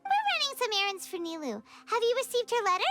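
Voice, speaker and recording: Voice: very high-pitched, wildly swooping pitch, fast, over loud music, exaggerated voice. A woman voicing a tiny, chirpy companion creature in a video game, bubbly and eager.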